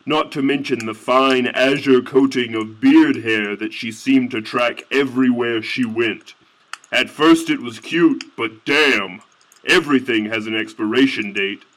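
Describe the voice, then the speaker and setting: A man's voice: medium pitch, steady tone, unhurried, fairly bright tone, low-quality recording. A man narrating a satirical fantasy story in a mock-earnest tone with indignant outbursts.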